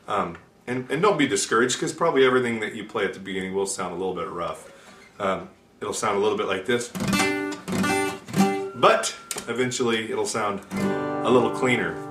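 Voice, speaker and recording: A man teaching guitar in a casual video lesson, talking in a relaxed, chatty way with fillers and restarts. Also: on the low side. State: has the hiccups. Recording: echoey room with guitar playing.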